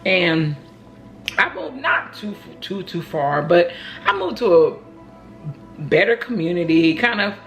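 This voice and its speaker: Casting: American woman, lowish voice, casual storytime vlogger, conversational and meandering, with clear music behind her. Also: big pitch swings, takes it slowly, long pauses, lo-fi sound. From Oakland, California, United States. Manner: rambling, conversational, acts out reported dialogue. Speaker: vlogger telling a personal story. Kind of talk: casual storytime chat to camera.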